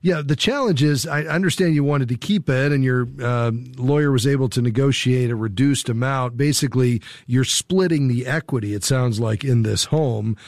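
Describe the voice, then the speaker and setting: Male radio host, calm, methodical, dry close studio sound. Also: medium pitch, no echo. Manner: calm, measured, explaining step by step. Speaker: radio host, financial advisor. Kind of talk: call-in advice show.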